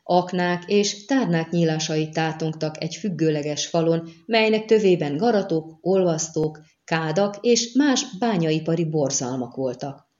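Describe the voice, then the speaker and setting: A woman narrating an audiobook in a measured, even reading style. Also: low-pitched. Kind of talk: scripted narration. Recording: dull lo-fi audio.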